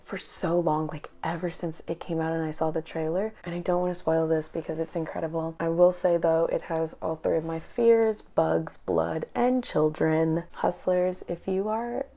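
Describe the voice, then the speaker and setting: A young woman vlogging casually, chatty and full of quick asides. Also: deep voice, steady tone, vocal fry, warm tone. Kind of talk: casual chat.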